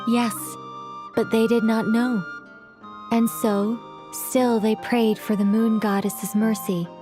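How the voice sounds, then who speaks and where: An actress plays an eccentric, absent-minded female mage in a video game, explaining at length in a wordy, scholarly way and growing flustered when interrupted. Her voice is fairly high, flat and slow, solemnly narrating over music.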